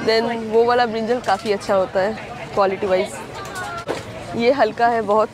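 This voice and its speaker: Against a noisy background of market crowd chatter, an Indian woman in her thirties with a fairly high voice vlogs while buying vegetables at an outdoor farmers market. Filmed handheld, she talks casually to viewers as she handles the produce.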